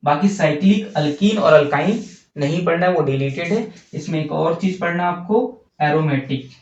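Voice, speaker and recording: A male teacher working through chemistry at the board in an unhurried way, putting questions to the class and then answering them himself. The voice sits back from the mic in a roomy, echoing space, and the recording sounds dull and lo-fi. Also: on the high side, a little mellow. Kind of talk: chemistry lesson while writing on a board. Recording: distant, echoey, dull lo-fi.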